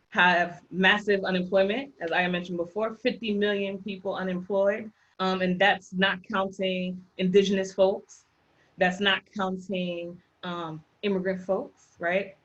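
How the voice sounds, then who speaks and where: A woman of Haitian background, with a Haitian accent, presents slides at a housing rights workshop. She is emphatic, repeating and hammering home key points in a mid-range, fairly bright voice, heard through muffled call audio.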